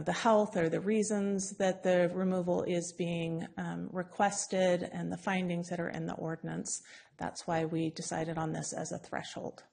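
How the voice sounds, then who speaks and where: Low, flat-voiced woman presenting to council. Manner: measured, frequent ums, explanatory. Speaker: city staff presenter. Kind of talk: formal staff presentation.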